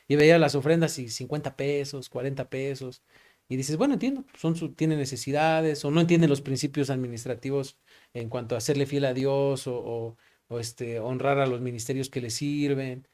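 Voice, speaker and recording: A man's voice: medium pitch, normal speed, a little mellow. A young man with a Mexican accent, a pastor giving an earnest testimony in an interview, full of fillers and acting out the remembered dialogues. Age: young adult. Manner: earnest, many fillers like "este" and "¿no?"; acts out both sides of remembered dialogues.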